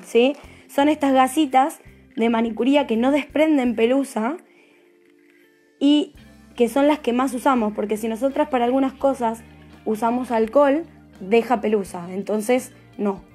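A young Argentine woman gives a live nail class in a bright, somewhat high voice. She talks in a chatty, patient way and checks in with her viewers after almost every sentence. Soft music plays quietly underneath. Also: normal speed. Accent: Argentine Spanish. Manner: chatty, keeps asking "¿sí?". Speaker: nail technician teacher. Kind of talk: live tutorial talk.

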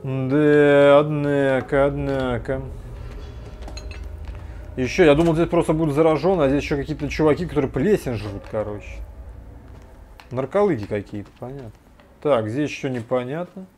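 A man giving casual gameplay commentary, muttering to himself and breaking into frequent loud swearing. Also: mid-range voice, fairly quick, slight background noise. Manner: swears often, loud startled outbursts; mutters to himself while playing. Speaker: let's play gamer.

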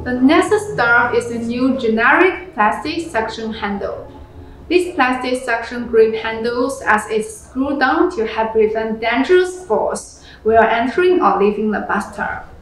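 A young woman presenting products, reading a review script in plain, steady phrasing. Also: a little high, unhurried. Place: small room indoors. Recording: very echoey room with background music.

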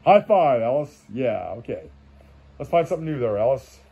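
A man's voice: medium pitch, big pitch swings, normal speed, creaky, phone-quality sound. A man making goofy comments on cartoons at home, breaking into silly songs and squeals.

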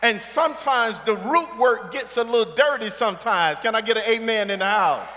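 A middle-aged male pastor preaching a sermon from a church stage, calling for amens and building to shouts. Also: high voice, moderate pace. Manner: call-and-response preaching, rising to shouts. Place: large church sanctuary stage. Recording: long church hall reverb.

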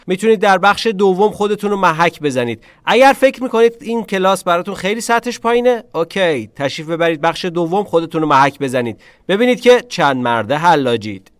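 A man whose first language is Persian teaches an English lesson online. He repeats short English phrases slowly and clearly, and he teases his viewers in quick asides. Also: sits high, a bit bright, dry recording, studio quality.

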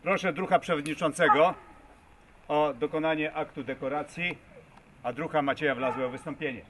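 A man's voice: a little high, fairly even intonation, normal speed. A man solemnly declaiming a formal order at an outdoor scout ceremony. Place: outdoors at a forest clearing. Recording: outdoor recording with clear background noise.

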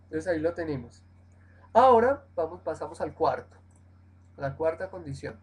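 A woman's voice: low-pitched, expressive, slightly rough, low-quality recording. A woman teaching an English lesson over a live stream. She explains step by step, repeats example words carefully, and keeps checking that her students follow. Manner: models English words slowly and repeats them.

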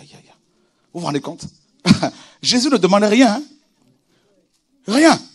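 A pastor delivers a sermon with animated energy, shifting from quiet readings of scripture to shouted exclamations. His voice is a little high.

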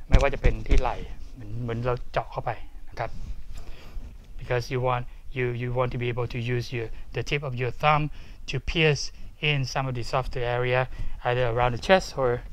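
A man teaching karate, explaining each step twice in a halting way with many repeated words. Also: mid-range voice, fairly bright tone, smooth. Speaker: karate instructor. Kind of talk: demonstrating and explaining technique. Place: karate dojo.

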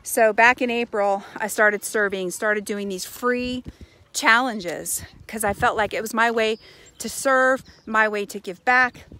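An American woman in her forties talking casually and earnestly in a motivational vlog, pausing for emphasis, recorded outdoors on a phone at arm's length. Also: on the high side, bright, forceful tone. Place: outdoors on a residential path by a pond. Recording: faint outdoor background noise.

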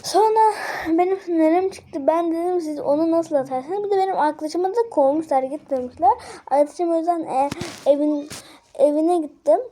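A woman's voice: very high voice, normal speed, warm tone, slight background noise. A young girl telling a rambling, agitated story about neighborhood kids in a casual vlog. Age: child. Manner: agitated, rambling with many restarts. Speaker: vlogger.

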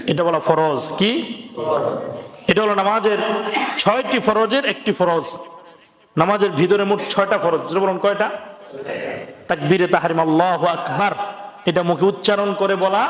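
Brief: high-pitched male preacher, questions the crowd, echoey hall. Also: fairly bright tone. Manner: asks the crowd questions, drops low on key warnings. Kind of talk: sermon.

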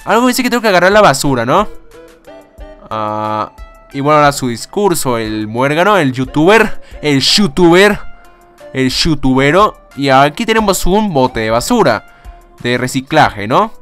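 A young man casually commenting on a game, excitable, swearing and laughing often. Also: medium pitch, normal speed, smooth, soft background music. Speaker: gaming YouTuber. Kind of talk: casual let's-play commentary.

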